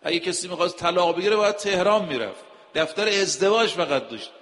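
A man's voice: sits high, a bit bright. A man preaching a sermon, emphatic, asking rhetorical questions and quoting scripture. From Iran. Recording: long hall reverb.

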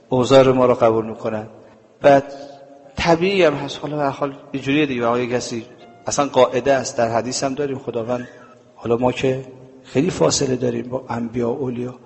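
A man's voice: medium pitch, darkish tone. A male preacher delivers a sermon to a live audience, with a mid-range voice that carries a long, ringing hall reverb. He speaks emphatically and drives each point home with rhetorical questions he answers himself. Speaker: religious preacher.

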